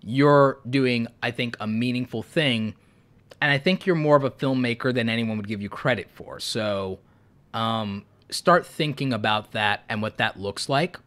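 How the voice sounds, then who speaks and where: An unhurried man with a medium-pitched, fairly bright voice hosts a YouTube live stream of Q&A and channel reviews. Though sick and losing his voice, he gives frank advice, thinking aloud with many ums.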